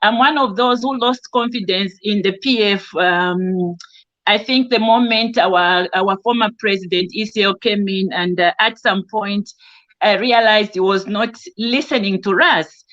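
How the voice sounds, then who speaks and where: A woman's voice: medium pitch, a little slow, a bit bright. A woman from Zambia living in the UK, speaking earnestly on an online call, with many restarts and fillers. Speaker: caller on an online discussion. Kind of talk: casual spoken testimony. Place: home, in the UK. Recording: dull lo-fi video call audio.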